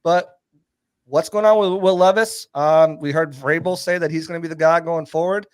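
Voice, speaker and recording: A man's voice: a little high, steady tone, normal speed, smooth, no room sound. A man hosting a sports podcast, talking in an upbeat, jokey, hype-man way. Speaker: podcast host. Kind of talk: casual sports podcast chat. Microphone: podcast mixer setup.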